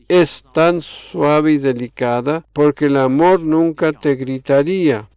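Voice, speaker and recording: A man delivering a sermon at an unhurried, deliberate pace, often coming back to the same phrases. His voice sits a little high for a man and sounds smooth and clear. The recording is dry and close, with no room sound. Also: a little mellow, dry recording. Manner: slow, measured preaching with repeated phrases. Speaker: preacher.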